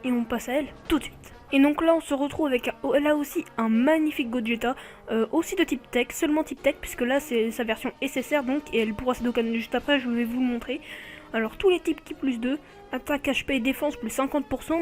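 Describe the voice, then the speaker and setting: Woman, fairly high voice, casual game card showcase, talkative, often corrects herself, faint music underneath. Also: a little fast. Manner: chatty, often corrects herself mid-sentence. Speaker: video host.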